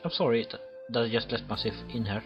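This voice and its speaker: A man with a medium-pitched voice talks fast as he reads a visual novel aloud for a let's play, regularly stumbling and restarting. The audio is lo-fi, and game music can be heard clearly behind his voice.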